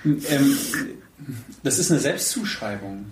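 This male podcast host has a mid-range voice and a slow pace, yet he's animated, emphatic and bluntly colloquial. He's far from the mic in an echoey room, with background noise audible.

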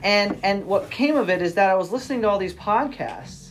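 A man's voice: high voice, expressive, brisk, fairly bright tone, faint music behind. A man guesting on a podcast, talking in a rambling, casual way, full of restarts, repeated words and frequent "you know what I mean" tags. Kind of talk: casual interview chat.

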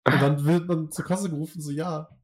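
Laid-back young man, slightly high voice. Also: steady tone, fairly quick. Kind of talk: casual chat.

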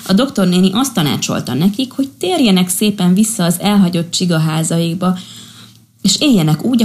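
Low, gravelly woman reading a children's story. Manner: calm, expressive reading. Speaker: narrator.

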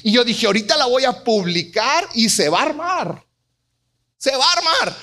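High-voiced pastor preaching. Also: male voice, very animated, normal speed, sharp tone. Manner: storytelling, acting out voices with big swings in pitch. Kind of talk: sermon.

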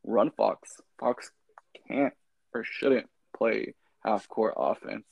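A man's voice: on the low side, slow, creaky, slightly rough, no room sound, lo-fi sound. A man co-hosting a casual sports podcast, talking in a loose, rambling way. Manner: loose and rambling, frequent restarts. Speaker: podcast co-host.

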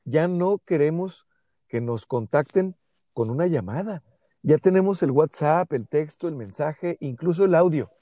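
A man's voice: on the high side, animated, unhurried, dark tone, dry recording. A man with a Mexican accent co-hosting a casual podcast chat, reflective and fond of rhetorical questions. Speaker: podcast co-host.

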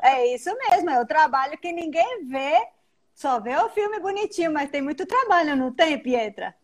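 A woman's voice: high voice, animated, normal speed. A woman interviewing a family over a video call, affirming and encouraging as she asks questions.

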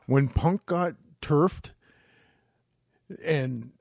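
A man co-hosting a podcast in casual chat, excitable, swearing freely and acting out quotes. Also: fairly high pitch, drawn-out words, vocal fry, no room sound, clean studio sound. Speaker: podcast co-host.

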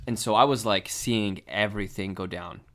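A man's voice: fairly low pitch, normal speed. Casual young man telling a story. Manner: animated, lots of filler and swearing.

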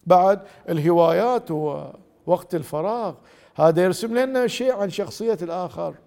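A man's voice: sits high, normal speed, creaky, long reverb tail. A man with a Gulf Arabic accent giving a religious lecture on marriage, acting out quoted husbands and wives as he goes. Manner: acts out quoted spouses in lively dialogue.

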